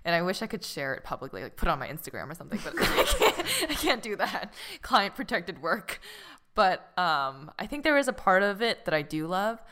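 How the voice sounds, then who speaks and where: A woman's voice: medium pitch, huge pitch swings, brisk, pushed and bright. A woman working in finance, chatting casually and poking fun at herself on a podcast. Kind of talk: casual chat.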